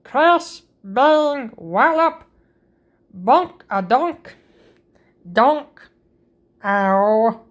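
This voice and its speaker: In an animated voice, a woman reads a picture book aloud to kids, slow and sing-song, hitting the playful sound words with a high jump in pitch.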